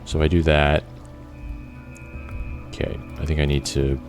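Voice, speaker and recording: Very deep-voiced man rambling over gameplay. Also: flat delivery, unhurried, darkish tone, faint music behind. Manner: rambling, thinks aloud, frequent restarts and fillers; occasional casual swearing. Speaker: gameplay video creator. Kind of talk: casual gameplay commentary.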